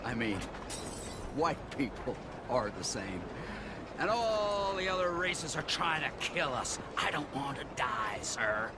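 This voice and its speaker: An actor playing a pompous, indignant stranger who lectures and scorns in a video game. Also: male voice, mid-range voice, very animated, takes it slowly. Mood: earnest. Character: pompous bigoted middle-aged man, ranting stranger. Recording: loud background noise.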